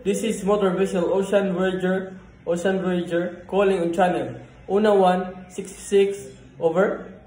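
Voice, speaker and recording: A man's voice: high-pitched, flat delivery, unhurried, a little mellow, a little hiss or hum. A man playing a ship's officer making a marine radio call to port control, formal and clipped, spelling out each number. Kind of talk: scripted marine radio procedure. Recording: echoey room.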